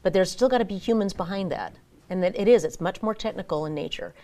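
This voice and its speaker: A woman's voice: medium pitch, quick pace, mellow. A woman giving frank, opinionated commentary as a guest in a conversational interview. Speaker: interview guest, small business advocate.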